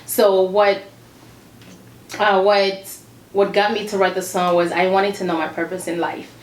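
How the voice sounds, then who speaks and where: A woman's voice: mid-range voice, little pitch movement, measured pace. A woman who was born in Congo DR and grew up in Zambia, a gospel singer giving a casual interview, earnest, repeating herself and laughing often. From Congo DR, raised in Zambia. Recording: echoey room with faint noise.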